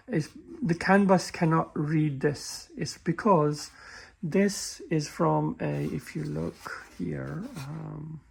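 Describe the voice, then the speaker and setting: A man walking through a car repair in a halting, casual way, often stumbling and restarting his sentences. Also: a little high, creaky, darkish tone, slightly rough. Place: workshop with a work table.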